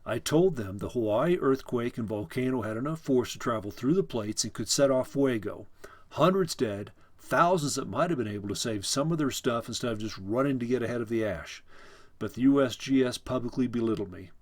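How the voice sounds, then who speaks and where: A man's voice: medium pitch, animated, fairly quick, darkish tone, no echo, natural voice. A man voicing a self-satisfied, aggrieved male online earthquake forecaster in a short story reading. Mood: smug.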